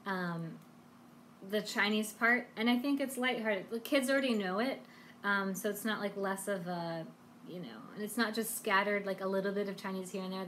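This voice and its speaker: A woman hosts a language lesson live stream, speaking in a casual, chatty, encouraging way. Her medium-pitched voice is a bit bright, with a little hiss or hum.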